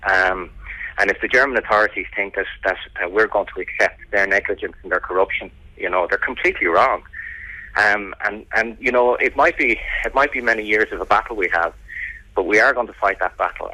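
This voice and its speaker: Low-voiced Irish man, earnest and halting. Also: bright, forceful tone, no room sound, rough recording. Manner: earnest, determined, halting and hesitant delivery. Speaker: interviewee, family campaigner. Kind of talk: radio interview.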